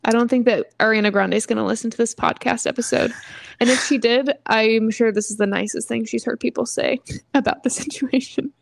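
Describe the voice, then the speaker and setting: A playful young woman co-hosting a podcast, tossing out jokes and quick asides. Her voice is slightly high with a gravelly fry, recorded close and dry. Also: steady tone, dry recording. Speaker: podcast co-host. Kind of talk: casual chat.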